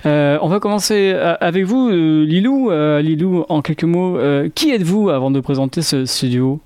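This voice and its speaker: A male radio host speaks into a studio mic in a fairly high voice. He introduces the show and its guests haltingly, filling his pauses with hesitations. The recording is dry and close. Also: animated, darkish tone, clear, resonant tone, no room sound. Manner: halting, many fillers. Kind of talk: radio interview.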